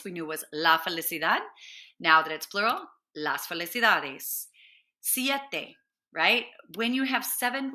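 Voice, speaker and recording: A woman with a bright, clear, slightly lower-pitched voice teaches a grammar lesson. She spells out letters one by one and repeats each example slowly, checking in with her listeners again and again. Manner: patient, checks in with "right?" and "all right". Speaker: Spanish teacher. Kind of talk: classroom lesson explaining grammar.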